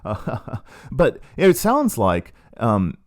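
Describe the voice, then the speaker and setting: A man's voice: mid-range voice, huge pitch swings, very slow. A middle-aged man hosting a podcast, telling a story in a sardonic, casual monologue. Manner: sardonic, storytelling with acted quotes. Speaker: podcast host.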